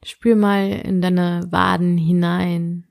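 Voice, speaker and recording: A woman narrating a soothing sleep meditation like a bedtime guide, in a gentle, unhurried manner with drawn-out phrases. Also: on the low side, flat delivery, vocal fry, no echo, clean studio sound. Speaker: podcast host and meditation guide.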